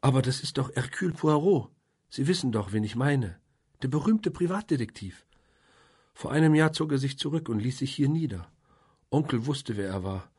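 Male reader doing a nervous earnest young woman, high and pleading, bit husky. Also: lively intonation, moderate pace, darkish tone. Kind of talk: audiobook reading.

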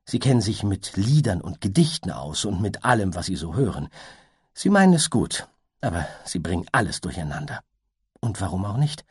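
A man voicing a gentle, weary and hopeful unicorn in a storybook reading, soft and earnest. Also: low-pitched, very animated, normal speed, husky, full character voice.

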